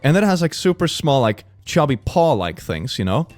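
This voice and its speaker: A young man with a Swedish accent streams a mock lecture, rambling and sarcastic. His pitch leaps up and down freely. The sound is dry and close, with faint music underneath. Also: a little fast, dry recording. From Sweden. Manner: playful, sarcastic, rambling with sudden bursts of excitement. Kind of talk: mock classroom lecture, casual streaming chat.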